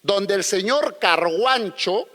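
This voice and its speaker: A man argues his case at a legal conference, pressing his points through pointed rhetorical questions. His voice sits notably high for a man. The sound rings with the long reverb of a large hall. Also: lively intonation, slow, a bit bright. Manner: combative, with frequent rhetorical questions. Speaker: lawyer speaking at a legal conference. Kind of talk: conference talk.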